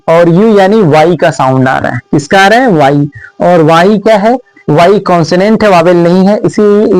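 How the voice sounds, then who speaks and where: A man with a Hindi accent teaching an English lesson, who explains step by step, asks the viewers questions and repeats example words slowly. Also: high-pitched, darkish tone, dry recording, poor audio.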